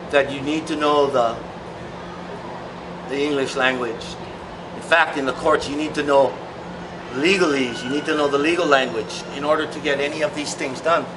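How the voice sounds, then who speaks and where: Interviewed in a large open-sided shed outdoors, a middle-aged Hawaiian songwriter and musician speaks thoughtfully in a fairly high voice. He pauses often and uses many fillers, and the distant mic picks up clear background noise.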